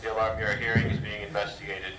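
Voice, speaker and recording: A man giving a calm, formal, repeated emergency alarm announcement, heard through building public address loudspeakers. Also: fairly low pitch, fast talker, a loud crowd. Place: large convention hall. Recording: echoey loudspeaker from far off in a noisy hall.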